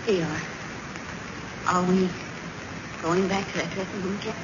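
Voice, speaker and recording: A woman's voice: fairly low pitch, steady tone, normal speed, muffled recording, lightly acted. A woman playing an anxious, loyal lady sidekick to a detective in a 1940s radio drama. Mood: uneasy, awed. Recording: noisy 1940s radio recording.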